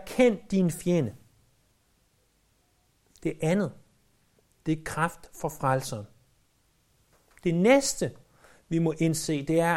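A man preaching a sermon in an earnest, emphatic way, repeating key phrases for weight. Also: high-pitched.

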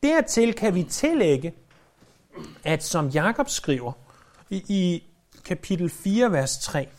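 A man preaching a sermon, stressing points loudly and then dropping to hushed, low phrases. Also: big pitch swings. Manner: emphatic, swings between loud stresses and hushed low phrases.

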